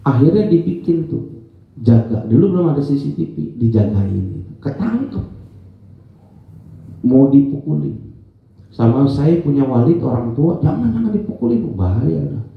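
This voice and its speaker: Speaking unhurriedly with long pauses, this religious teacher gives a casual lesson in an office prayer room, mixing chat and stories and regularly quizzing the group. His medium-pitched voice is creaky yet lively in intonation, and the recording has an echoey, dull lo-fi room sound.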